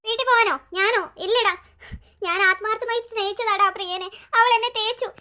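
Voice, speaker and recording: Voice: extremely high pitch, steady tone, brisk, pushed and bright. A performer voicing a heartbroken, stubborn young man who sobs and insists on seeing his girlfriend. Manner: sobbing, pleading, insistent.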